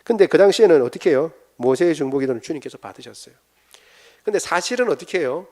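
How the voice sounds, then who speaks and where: Questioning Korean pastor teaching a seminar. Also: male voice, fairly high pitch, expressive, quick pace, darkish tone. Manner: asks the congregation questions and acts out quotes.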